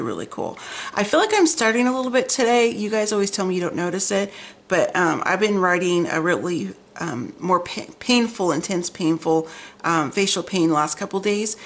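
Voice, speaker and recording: A woman hosting a chatty, gushing magazine flip-through, rambling, with slightly effortful articulation as if half her face were numb from the dentist. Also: fairly low pitch. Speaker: vlog host. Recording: clear background noise, room ambience.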